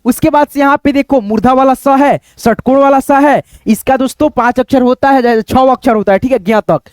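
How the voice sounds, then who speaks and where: A man giving a spoken English lesson, repeating letter sounds slowly and asking his viewers questions. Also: extremely high pitch, no room sound. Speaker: English teacher.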